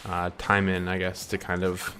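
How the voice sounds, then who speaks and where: Speaking at an ordinary pace in a low, monotone, sharp-toned voice, this young man chews candy while rambling to his camera about chasing his dreams, full of ums and false starts. It's an earnest, casual vlog reflection with a little hiss or hum in the audio.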